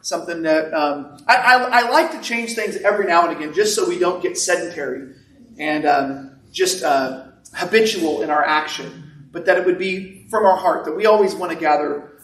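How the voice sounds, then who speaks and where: A loud male preacher with a fairly high voice delivers a sermon at a moderate pace in a church sanctuary, speaking conversationally and tossing asides to the congregation. No microphone was used, so the recording sounds roomy and distant, with a little hiss or hum.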